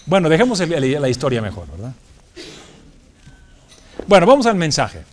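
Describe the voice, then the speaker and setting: A man's voice: on the high side, moderate pace. A man preaching to a congregation, telling a funny personal story with lots of laughter. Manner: animated, joking, often laughing at himself. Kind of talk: humorous sermon storytelling.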